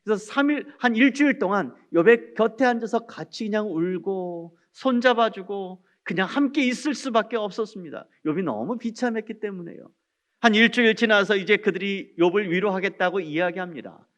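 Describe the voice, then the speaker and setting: A man's voice: high voice, brisk, fairly bright tone. A male pastor preaching a sermon, earnest and often turning to address the congregation directly.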